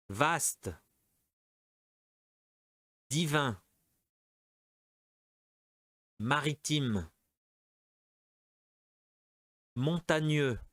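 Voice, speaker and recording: A man's voice: a little high, fairly bright tone, no room sound, clean studio sound. A man teaching vocabulary, patiently modelling each word for students to repeat. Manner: slow, patient, models words for repetition. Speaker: French teacher. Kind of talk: vocabulary drill lesson.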